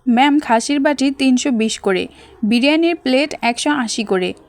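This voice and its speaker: A woman voicing a stubborn, defensive male restaurant waiter in an audio story, speaking in a flat, matter-of-fact way. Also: sits high, moderate pace, no echo.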